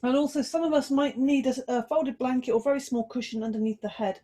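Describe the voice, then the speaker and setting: A woman yoga teacher guides a relaxation and body check-in in a high-sitting voice. Her instructions are slow and gently coaxing, with pauses between phrases.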